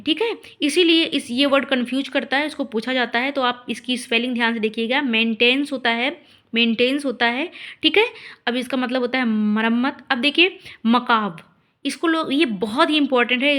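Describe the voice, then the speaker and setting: A woman teacher giving a spelling and vocabulary lesson, spelling words out letter by letter and stressing each key word slowly. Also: sits high, pushed and bright. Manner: repeats "ठीक है" and "अब देखिए" as fillers.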